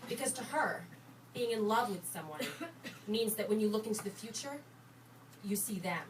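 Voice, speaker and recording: An actress performing a monologue as a jaded young woman, telling it in a wry, deadpan way with a bitter edge. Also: medium pitch, natural voice. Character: sardonic young woman, jaded about romance. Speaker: stage actor performing a monologue. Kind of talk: theatrical monologue. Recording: distant mic, noisy background.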